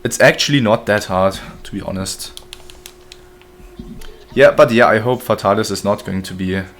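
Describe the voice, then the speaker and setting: Low-voiced man streaming a game. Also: normal speed, fairly bright tone. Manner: joking, chatty, reads chat aloud. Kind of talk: live gameplay commentary.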